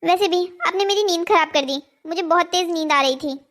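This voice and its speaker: A woman's voice: very high-pitched, a little fast, a bit bright. A woman voicing a curt, cool young wife in a cartoon. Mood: dismissive. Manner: curt, dismissive. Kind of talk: Hindi cartoon voice acting.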